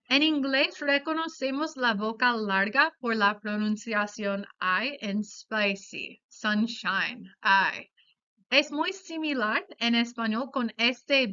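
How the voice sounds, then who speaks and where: Slow, careful woman giving a lesson. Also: a little high, sharp tone, clean tone. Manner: careful, explanatory, pronounces example words slowly. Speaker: student presenter. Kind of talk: class presentation on pronunciation. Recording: dull lo-fi sound.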